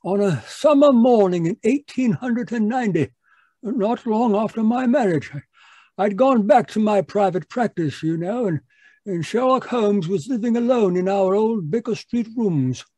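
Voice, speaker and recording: A genial, fussy older doctor in an old-time radio play. His voice is high for a man and a little raspy. He hesitates and repeats himself in an avuncular way as he recounts old adventures, heard dry over a video-call recording. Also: lively intonation, measured pace, warm tone, no echo. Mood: genial, reminiscing. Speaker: storytelling narrator character. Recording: live video-call performance.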